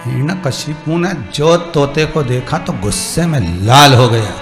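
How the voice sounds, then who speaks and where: A man's voice: mid-range voice, animated, measured pace. A man preaching a devotional sermon, telling stories and acting out the characters' lines with emphasis while questioning his listeners. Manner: emphatic, acts out dialogue, asks the crowd. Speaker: katha preacher. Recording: live sermon in a reverberant hall with music.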